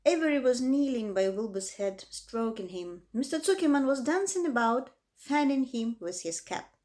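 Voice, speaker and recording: A woman reading a children's book aloud with expressive, dramatic emphasis. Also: a little high, normal speed. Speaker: reader. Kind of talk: storybook read-aloud.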